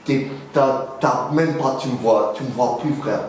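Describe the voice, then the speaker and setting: A man's voice: mid-range voice, measured pace, darkish tone, natural voice. A man playing a boastful young neighborhood dealer in a mock interview, rambling in French street slang full of filler words. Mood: boastful, streetwise. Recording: very echoey room, faint noise.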